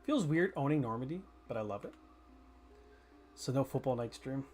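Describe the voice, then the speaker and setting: A man's voice: mid-range voice, animated, moderate pace, a little mellow, faint music behind. A man chatting casually with his chat while streaming a game, joking and swearing freely. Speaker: gaming streamer. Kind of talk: casual live gameplay chatter.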